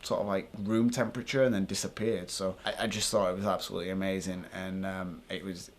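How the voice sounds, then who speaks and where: A man's voice: low voice, flat delivery, fast talker, a little hiss or hum. A British man talking casually and informally to viewers as a paranormal vlogger, thinking aloud as he explains.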